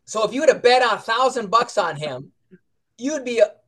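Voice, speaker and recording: An American man co-hosting a casual talk show, animated and playful, acting out quotes. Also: extremely high pitch, normal speed. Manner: animated, playful, acts out quotes in silly voices. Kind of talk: casual chat.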